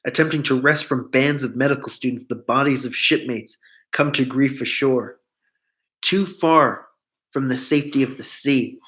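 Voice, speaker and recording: A man's voice: mid-range voice, fairly bright tone. A man reading a novel aloud, voicing the characters in the dialogue. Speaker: reader.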